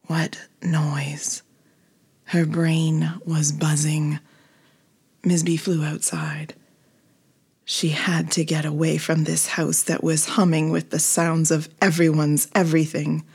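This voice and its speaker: A woman reading a storybook aloud in a soft, gentle whisper. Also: low-pitched, level tone, takes it slowly, slightly rough.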